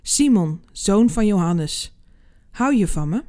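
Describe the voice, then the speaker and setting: A woman reading the words of Jesus as a gentle grown man, in a calm, read-aloud way. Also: medium pitch, slow, no echo, studio quality. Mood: tender.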